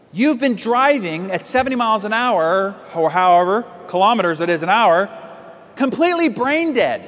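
A man in his forties giving an energetic motivational stage speech in a large auditorium, talking directly to the crowd and firing off rhetorical questions. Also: high-pitched. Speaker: motivational speaker. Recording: long reverb of a large hall.

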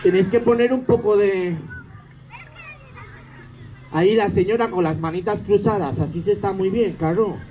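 A man's voice: high-pitched, normal speed, long pauses, warm tone, a little hiss or hum, poor audio. A man doing stage comedy, teasing the audience in a sarcastic, mock-grumpy way.

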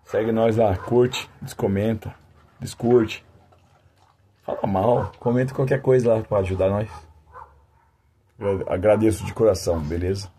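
A man's voice: lowish voice, fairly even intonation, measured pace, long pauses, warm tone, slight background noise. A man who breeds dogs, chatting casually to his dogs and viewers, cooing at them in fond baby talk and speaking in a folksy, devout way. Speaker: dog breeder.

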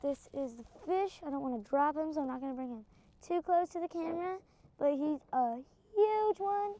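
A woman's voice: high-pitched, normal speed, dark tone. A young woman on a fishing boat outdoors, keeping up a chatty, wry commentary for an action camera. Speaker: vlogger, angler. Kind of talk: casual fishing vlog chat.

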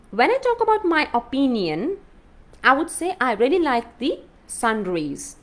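A woman with an Indian English accent teaching an exam-prep lesson, constantly checking in with "okay?" and "fine?". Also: fairly high pitch. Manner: lively up-and-down teaching voice. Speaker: IELTS coach.

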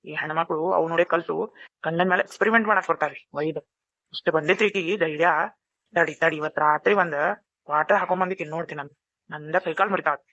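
A woman's voice: low-pitched, steady tone, fast, a bit bright, dry recording. A woman voicing a grumpy, bossy middle-aged village husband in a cartoon, with a North Karnataka Kannada accent. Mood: muttering angrily. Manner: bossy, threatening. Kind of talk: cartoon voice acting. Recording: dull lo-fi recording.

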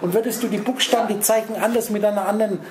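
A man holds forth on a spiritual theme, talking directly to a small audience and jumping between words and their letters. His voice is dark and mellow. The room echoes around him. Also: sits high, steady tone, very fast, slight background noise. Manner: rambling, addresses listeners directly with wordplay. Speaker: lecturer. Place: lecture room.

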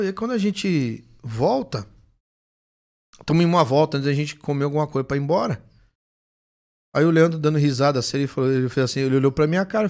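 A man, a pastor telling his testimony in animated, casual conversation and acting out the dialogue. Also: on the high side. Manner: animated storytelling, acts out dialogue.

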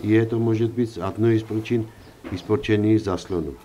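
Male host, low and mellow, plain how-to voice-over for a car repair tutorial. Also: steady tone, normal speed, a little hiss or hum.

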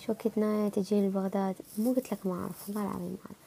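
A young woman with an Iraqi Arabic accent hosts a livestream, chatting casually with viewers and answering their comments while feeling sick. Her medium-pitched voice is mellow, with vocal fry, a flat delivery, and a racing pace.

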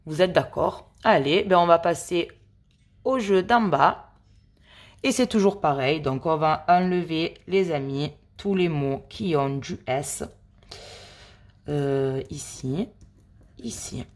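A woman hosting a scratch-card video, chatting slowly and addressing her viewers as friends while she checks numbers and letters. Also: low voice. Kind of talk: casual play-by-play commentary.

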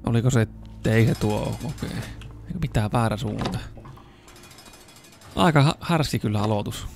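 A young man with a Finnish accent giving casual let's-play commentary, swearing and yelling whenever the game turns dangerous. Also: mid-range voice, gravelly, a little hiss or hum. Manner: excitable, swears and yells when in danger. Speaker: gaming YouTuber.

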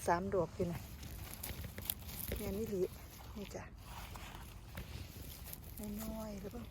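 A woman with an Isan (Northeastern Thai) accent forages for wild mushrooms in woodland, narrating a chatty walk-and-talk vlog for her viewers. Her mid-range voice is lively and slow-paced, full of exclamations, and she calls her audience "brothers and sisters." It was recorded on a handheld camera, with clear outdoor noise.

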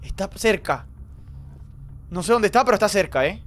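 Excitable man streaming a horror game. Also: high voice, normal speed. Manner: excitable, jumpy, talks to chat. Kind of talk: live gameplay commentary.

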